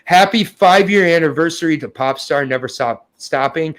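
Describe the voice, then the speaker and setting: A man's voice: a little high, moderate pace, a bit bright. A young adult man co-hosting a podcast, talking casually with profanity and getting flustered. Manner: profane, self-deprecating, flustered. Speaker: podcast co-host. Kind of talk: casual chat.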